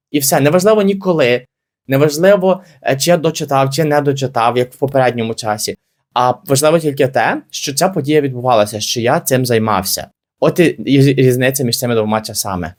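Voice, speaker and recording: A man's voice: medium pitch, a little mellow. A young man teaching English grammar in a video lesson, explaining patiently and repeating key points to reassure beginners.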